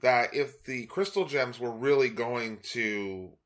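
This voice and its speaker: A man co-hosting a casual fan podcast, reasoning through plot points at a measured pace. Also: medium pitch. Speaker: podcast co-host.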